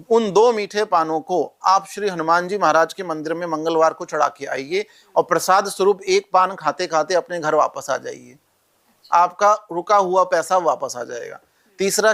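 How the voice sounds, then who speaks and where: A man's voice: on the high side, a bit bright. A male astrologer guest in a podcast interview, instructively listing remedies step by step.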